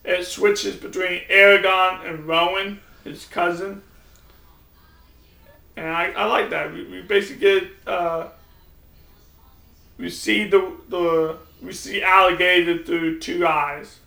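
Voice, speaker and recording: A man's voice: high voice, fairly even intonation, slow pace, gravelly, bright, forceful tone. A man giving a casual, rambling vlog book review, often restarting his sentences. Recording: echoey room, mic at a distance.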